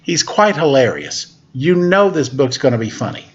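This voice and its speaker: A man of medium pitch reads a picture book aloud at story time in a sing-song voice, slow and playful, breaking off for casual remarks about the pictures. The highs are cut off, and there's a little hiss or hum.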